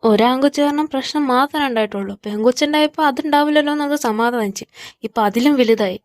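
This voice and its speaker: An exasperated, nagging mother with a Malayali accent, played by a woman, scolds her children in a fan audio drama. She speaks quickly in a high voice, recorded dry and close. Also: no room sound, natural voice. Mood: scolding.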